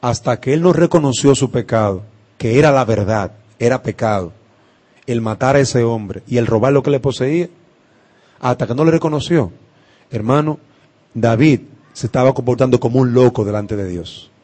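With a medium-pitched voice, a man delivers an impassioned sermon. He shifts between booming declarations and quiet, hushed words, punctuated by emphatic pauses.

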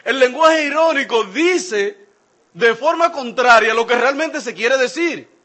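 A man's voice: very high-pitched, measured pace. A man preaching a sermon, addressing the congregation directly and acting out the people he quotes with shifting voices. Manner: animated, acts out quoted speech with shifting voices.

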